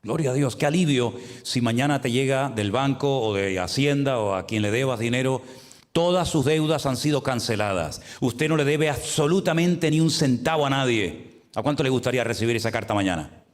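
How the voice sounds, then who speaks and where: A male pastor with a Spain Spanish accent delivers a sermon in a mid-pitched voice. He preaches with energy, putting questions straight to his listeners, and moves between calm explanation and urgent emphasis. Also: a little fast. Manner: lively preaching with rhetorical questions and acted-out quotes.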